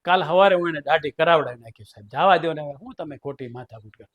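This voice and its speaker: Man doing a harried principal, exasperated and placating, slightly high voice. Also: fast talker, fairly bright tone, dull audio, natural voice. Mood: pleading. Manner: pleading, exasperated.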